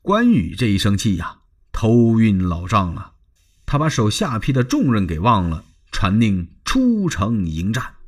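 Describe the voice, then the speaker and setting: Man, traditional storyteller, husky voice, very lively pitch, dramatic delivery, audience asides. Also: a little slow. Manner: dramatic, sweeping delivery with frequent asides to listeners.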